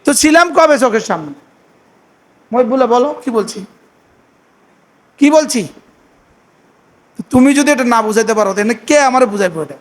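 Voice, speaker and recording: A man preaching a sermon, firing repeated questions at his listeners and reciting Arabic prayers slowly. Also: extremely high pitch, expressive. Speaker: Islamic preacher.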